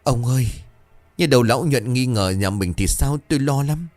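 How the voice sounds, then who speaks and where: A man's voice: mid-range voice, big pitch swings, moderate pace, soft background music, lightly acted. A man voicing a frightened middle-aged village mother in a horror story, pleading in a trembling voice.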